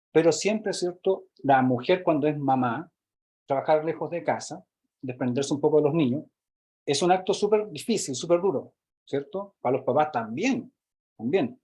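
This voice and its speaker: A man's voice: on the high side, warm tone, breathy edge. A man teaching a workshop, explaining step by step and often checking in with tag questions. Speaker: workshop instructor. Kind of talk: recorded online workshop lesson.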